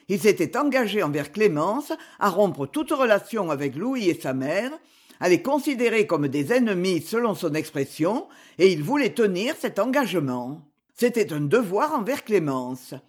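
A man narrating a classic novel in measured, literary storytelling. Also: high voice, breathy edge. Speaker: audiobook reader.

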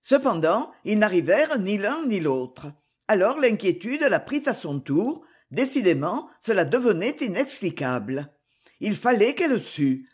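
A woman narrating a novel chapter as an audiobook reader, with measured, expressive storytelling. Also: medium pitch, slightly rough. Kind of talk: scripted narration.

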